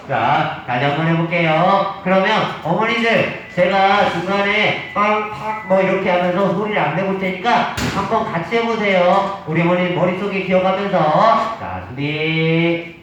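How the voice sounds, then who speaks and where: A man's voice: high-pitched, a bit bright, muffled recording, a little hiss or hum. A man who leads a clapping and counting game for a class of elderly people. He chants rhythmic sound words and coaxes the group to join in. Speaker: senior recreation instructor. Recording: echoey room, mic at a distance.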